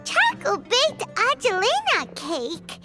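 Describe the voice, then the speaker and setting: Game fairy sidekick: very high, childlike, animated, excitable; loud music underneath. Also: female voice, takes it slowly, exaggerated voice. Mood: puzzled. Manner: talks about self in third person, exclaims. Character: small, chirpy, excitable female fairy companion, childlike. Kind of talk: video game character acting.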